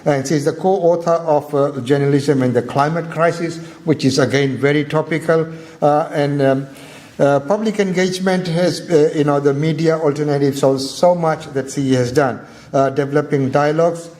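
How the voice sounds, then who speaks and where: A man hosting an event, speaking informally and haltingly to a gathering, often repeating words. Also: fairly high pitch, fairly even intonation, a little mellow. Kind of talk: informal, semi-improvised public address.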